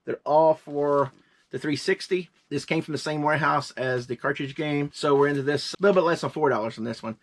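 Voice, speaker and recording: A man in his fifties co-hosting a reselling show, talking quickly in a rambling, joking, casual way. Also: a little high. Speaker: reseller co-host. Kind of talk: casual chat.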